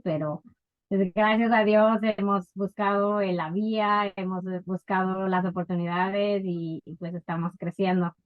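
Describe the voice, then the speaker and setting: A woman from Ecuador telling her life story as an interview guest, unhurried and full of fillers. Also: medium pitch, highs cut off. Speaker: guest entrepreneur. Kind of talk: casual interview.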